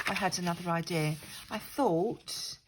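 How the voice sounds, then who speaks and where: Speaking slowly in a lowish voice, an older woman who's congested from a cold that's hung around chats casually while she crafts. She rambles and pokes fun at herself in this informal tutorial, filmed indoors by a camera above the craft mat. There's noise in the background.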